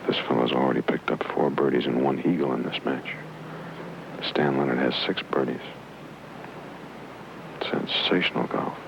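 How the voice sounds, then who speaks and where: Very deep, gravelly golf commentator. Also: male voice, fairly even intonation, moderate pace, pauses often. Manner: folksy, conversational. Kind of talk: live golf commentary, often hushed near the putt. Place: outdoors on a golf course. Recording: dull old broadcast, loud outdoor noise.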